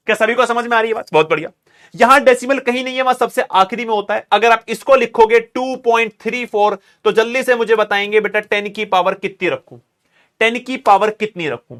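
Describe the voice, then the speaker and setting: A man's voice: high-pitched, fairly bright tone. A man teaching a chemistry class, mixing phrases into his explanation, calling students "beta" and urging them to make some noise. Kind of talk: classroom lecture.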